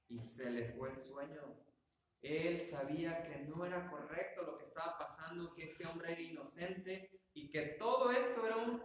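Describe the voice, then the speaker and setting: A man's voice: fairly high pitch, fairly bright tone. A man preaching a sermon, talking conversationally with rhetorical questions and acting out scenes as he goes. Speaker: pastor. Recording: very echoey church hall, faint noise.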